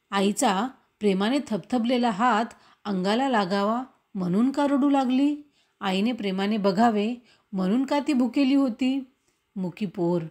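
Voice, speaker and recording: A woman reading a classic story aloud, with measured, expressive storytelling. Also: mid-range voice. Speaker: audiobook reader.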